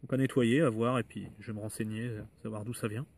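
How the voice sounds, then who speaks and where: Relaxed man showing his finds. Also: mid-range voice, fast talker, vocal fry, slight background noise. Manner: relaxed, hesitant, many fillers and trailing asides. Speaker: metal detecting vlogger. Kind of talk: casual show-and-tell of finds.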